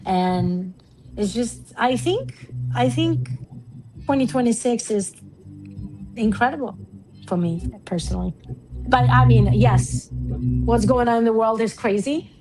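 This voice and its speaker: Woman musician guest, bubbly, laughs a lot, curses casually, pitched a bit high. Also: rough recording. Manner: excitable, laughing, swears freely. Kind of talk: casual interview chat.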